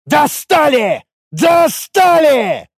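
A man voicing a belligerent, coarse male elf warrior who yells threats in an audiobook. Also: high voice, expressive, brisk, dry recording, studio quality, pitched above the performer's own voice. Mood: enraged. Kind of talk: audiobook character voice.

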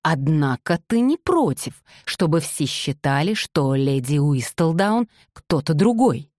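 A woman reading the curt, exasperated lines of a young gentleman in an audiobook. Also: low voice, big pitch swings, takes it slowly, no echo, studio quality, heavily acted.

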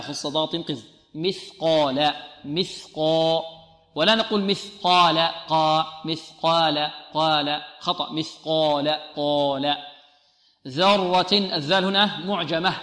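A man's voice: high voice, sharp tone. Man teaching Quran recitation, echoey hall. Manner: explains rules, then drawls verses slowly; asks questions and answers them himself. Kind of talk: tajweed lesson with slow recitation.

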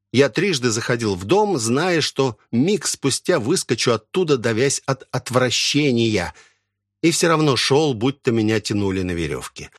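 A man reads a dark first-person tale with a lively, animated delivery at a mid pitch. The recording is close and dry, without any room echo. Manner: expressive storytelling. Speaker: audiobook narrator. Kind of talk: first-person literary narration.

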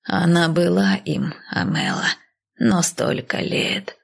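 A woman reading an audiobook, voicing an elderly nanny who talks slowly in hushed, half-whispered sighs. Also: low-pitched, expressive, gravelly, breathy edge, exaggerated voice. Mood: sorrowful. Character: elderly nanny, frail, weary and tender. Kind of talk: audiobook character voice.

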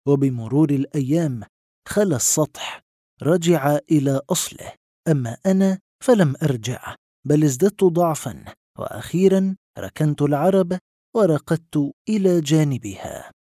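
A man narrating short literary stories in a measured, even reading voice. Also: fairly high pitch, no room sound, clean studio sound.

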